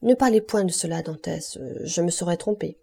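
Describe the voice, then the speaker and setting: A woman's voice: on the low side, a little fast, creaky, mellow, breathy edge. A woman reading the lines of a sly, envious male ship's officer in an audiobook.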